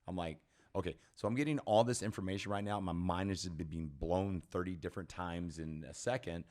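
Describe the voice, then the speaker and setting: A middle-aged man with a low, deep voice, talking as a guest on a podcast. He tells his stories in a casual, animated way, full of "like" and "man". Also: fairly quick. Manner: animated, lots of "like" and "man" fillers. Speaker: podcast guest, personal trainer. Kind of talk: casual storytelling.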